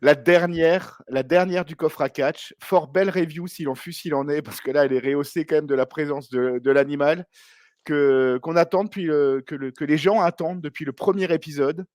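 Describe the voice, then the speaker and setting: A man's voice: on the high side, brisk, darkish tone, no echo, studio quality. A man co-hosting a podcast, chatty and hesitant with many fillers. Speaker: podcast co-host. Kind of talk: casual podcast chat.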